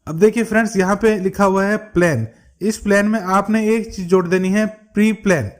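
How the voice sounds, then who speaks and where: A man's voice: high voice, steady tone, moderate pace. A man explaining interview tips as a tutor, steadily addressing viewers as friends. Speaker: English tutor. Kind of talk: explanatory lesson for learners.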